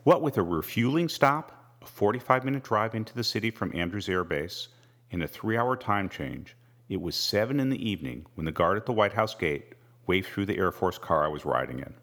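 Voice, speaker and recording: A man reading a first-person novel aloud with measured, wry storytelling. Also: on the low side, expressive, fairly bright tone. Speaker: audiobook narrator. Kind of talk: scripted first-person narration.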